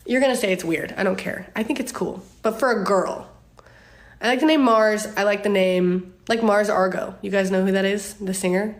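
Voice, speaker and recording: Young woman, twenties, casual phone Q&A, chatty, candid, laughs easily, mid-pitched. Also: steady tone, moderate pace. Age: 20s. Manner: chatty and candid, many ums and likes, laughs often. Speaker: social media creator answering fan questions. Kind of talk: casual Q&A chat.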